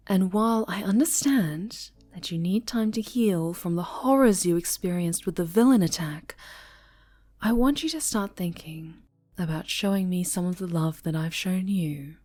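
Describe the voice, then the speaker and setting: A woman performs an intimate ASMR roleplay as a sinister dark-angel superhero, obsessively doting as she coos and whispers with sweet menace. Her voice sits on the low side and moves a little slowly, stern and possessive.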